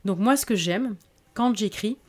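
A woman author, speaking in a podcast interview in a reflective way and often pausing on fillers. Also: mid-range voice, a little mellow. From Belgium. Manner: reflective, hesitant with frequent fillers. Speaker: author guest.

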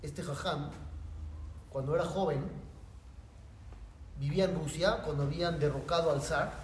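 A man's voice: a little high, normal speed, distant mic. A rabbi with a Mexican Spanish accent, telling a story to his class and acting out the voices in it. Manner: animated storyteller who acts out voices. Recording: echoey room with faint noise.

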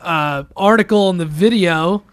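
A male podcast host with a notably high voice, talking in an upbeat, animated way. He keeps a casual chatty tone while steering the conversation. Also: normal speed. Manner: upbeat, animated promo delivery.

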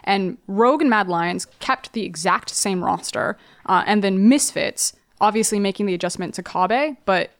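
A woman giving casual esports analysis, animated and quick to act out what teams would say. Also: medium pitch. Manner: animated, acts out quoted voices.

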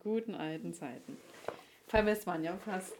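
A young woman hosting a casual podcast chat, a lively storyteller who acts out both sides of her conversations. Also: lowish voice, moderate pace, noisy background. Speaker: podcast host and video creator.

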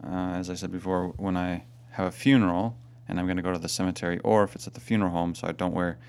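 A man's voice: low voice, steady tone, fast talker, vocal fry, a little mellow, smooth. A man who is a parish priest, chatting casually and amiably on a podcast. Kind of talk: casual chat.

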